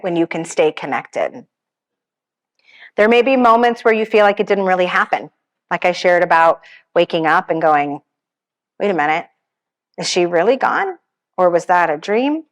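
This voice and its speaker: A grief counselor whose voice sits on the low side addresses an audience in a funeral home seminar room. Gentle and reassuring, she talks conversationally, tells personal stories, and notes that her voice is pretty strong.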